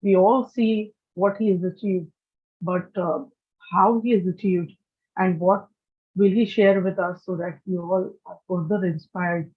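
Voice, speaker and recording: Halting awards host, tinny sound. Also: mid-range voice, steady tone. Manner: earnest, halting, reading a long list of honours. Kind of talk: formal stage introduction.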